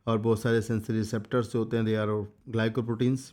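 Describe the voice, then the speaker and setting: A man's voice: lowish voice, level tone, moderate pace, darkish tone. A man giving a casual exam revision biology lecture, reading textbook lines in English and explaining them in Hindi, urging students to remember key points. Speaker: biology teacher.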